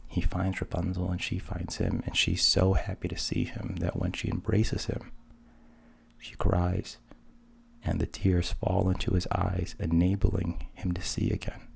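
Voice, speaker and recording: A man narrates old fairy tales in a hushed, often half-whispered delivery, slipping in dry, deadpan asides. His voice sits extremely low and is heavily gravelly. It also carries a husky edge. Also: unhurried. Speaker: storyteller.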